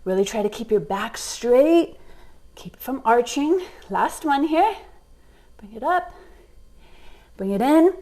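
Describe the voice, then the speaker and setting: High-voiced woman coaching a workout. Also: animated, takes it slowly, long pauses, warm tone. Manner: encouraging, coaching while exercising. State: out of breath at times. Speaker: fitness instructor. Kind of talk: workout instruction with cues.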